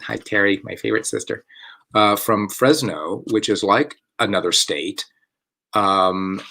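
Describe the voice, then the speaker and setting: A man with a fairly low voice hosts a relaxed online talk from home. He wanders off track, stops to correct himself and chuckles along the way. His delivery is loose and unscripted. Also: vocal fry. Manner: rambling and self-correcting, with chuckles. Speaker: artistic director hosting a theater company's online chat. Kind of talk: casual live-stream chat.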